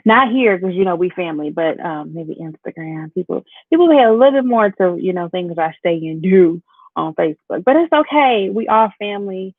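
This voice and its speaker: Talking a little fast in an animated, lowish voice, this upbeat beauty host chats casually with viewers during her makeup livestream. The sound comes through AirPods, tinny and phone-like, with no room sound.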